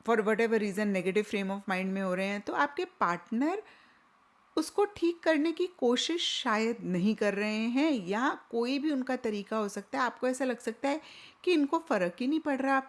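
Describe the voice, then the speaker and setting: A woman giving a tarot reading, talking chattily and mixing Hindi with English phrases, often repeating points for emphasis. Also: mid-range voice. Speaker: tarot reader. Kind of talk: tarot reading talk to camera.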